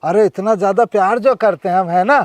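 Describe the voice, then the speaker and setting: A man's voice: high voice, a little fast, a little hiss or hum, lightly acted. A young man playing a sly village con man who sweet-talks his girlfriend in a comedy sketch. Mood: sweet-talking. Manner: sweet-talking, calls himself "we". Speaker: comic actor in a village sketch. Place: outdoors in a village.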